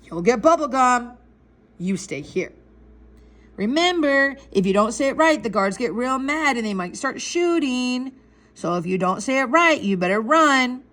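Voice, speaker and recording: A woman's voice: high voice, animated, a bit bright. Woman doing a sly teenage prankster boy. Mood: coaxing. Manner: slow, deliberate, conspiratorial. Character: sly teasing thirteen-year-old boy.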